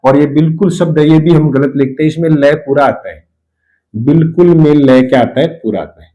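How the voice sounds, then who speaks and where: A male Hindi lecturer giving a spelling lesson, explaining patiently and repeating each word slowly. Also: fairly high pitch, dark tone, lo-fi sound. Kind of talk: classroom lesson on correct spelling.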